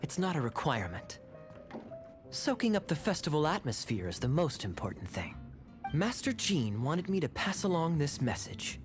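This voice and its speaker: A male actor with a voice on the high side plays a suave young knight captain in a video game. He's teasing, smooth-talking and theatrical.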